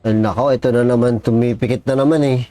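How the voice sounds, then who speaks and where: A man's voice: medium pitch, fairly even intonation, fast, dark tone, slight background noise. A man giving casual reaction commentary on a video, chatting to viewers and cursing when startled. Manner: jumpy, exclaims and curses when startled.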